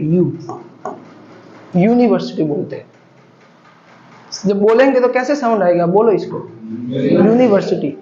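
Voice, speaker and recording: A man's voice: very high voice, slight background noise. A man teaching an English grammar lesson to students, explaining patiently and repeating examples, calling them "beta". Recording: roomy, dull lo-fi recording.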